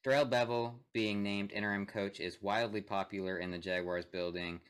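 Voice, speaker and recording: A man's voice: fairly low pitch, steady tone, normal speed, a bit bright, smooth. A young man co-hosting a casual sports podcast, reading statements aloud with joking asides and frequent laughs. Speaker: podcast co-host.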